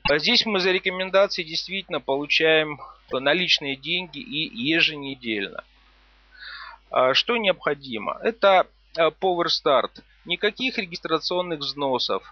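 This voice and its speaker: A man giving a slide presentation of a business plan, pausing often with hesitant fillers between phrases. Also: on the high side, no echo. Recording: dull lo-fi recording.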